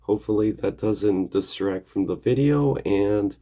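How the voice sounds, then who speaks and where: A man with a low, mellow voice that sounds gravelly and a bit hoarse, as if getting over an illness. He talks casually as a vlog host. His delivery rambles and hesitates, circling back over the same points. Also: measured pace. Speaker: video host.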